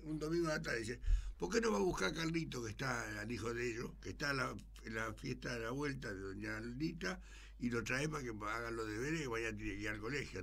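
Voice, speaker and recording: A man's voice: mid-range voice, gravelly. A man telling jokes on a radio talk show, acting out the characters in his stories. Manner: animated storyteller acting out characters. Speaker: joke-telling radio guest.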